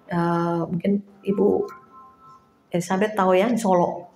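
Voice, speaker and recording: A woman preaching an informal sermon to a small house church, chatty and lively, laughing now and then and acting out little quotes. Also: on the low side, a little slow, reverberant, soft background music.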